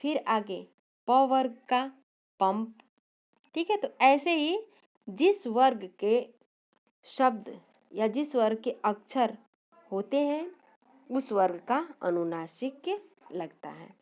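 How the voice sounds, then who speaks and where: A woman's voice: a little high, animated, slow, long pauses, darkish tone. A woman teaching a grammar lesson, sounding out letters one by one and explaining each step, now and then correcting herself. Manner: corrects herself mid-sentence. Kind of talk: slide-based grammar lesson.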